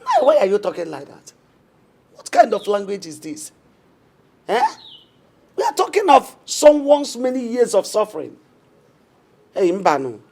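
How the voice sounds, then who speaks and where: A woman's voice: medium pitch, wildly swooping pitch, a little slow, vocal fry, long pauses, a little mellow, slight background noise, full character voice. An actress with a Nigerian accent playing a consoling yet reproachful middle-aged mother in a film drama.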